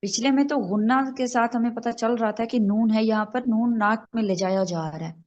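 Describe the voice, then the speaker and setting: Patiently explaining rules and slowly spelling out examples, a woman teaches Quran recitation online via video call. Her fairly high voice is a little mellow, and the audio is dull.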